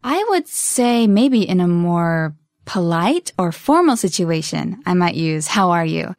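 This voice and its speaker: A woman co-hosting a language lesson, chatting about phrases in a bright, conversational way. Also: fairly low pitch, big pitch swings, a little slow, no echo, clean studio sound. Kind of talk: scripted lesson chat.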